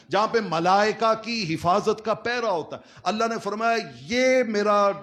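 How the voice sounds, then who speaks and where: A man giving a dramatic sermon, asking questions and answering them himself, jumping between loud, rising lines and quiet drops. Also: high-pitched. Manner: dramatic preaching with sudden swings between loud and soft. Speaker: preacher.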